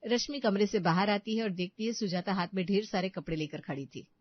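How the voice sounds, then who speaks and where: A woman giving scripted narration for a cartoon story, calm and even, on dull, dry audio. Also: mid-range voice, brisk, no room sound.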